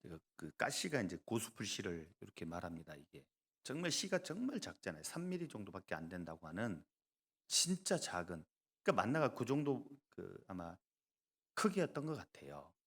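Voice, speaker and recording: A male pastor delivering a sermon, moving between loud emphasis and soft asides and joking with the congregation. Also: low-pitched, very animated, moderate pace, slightly rough.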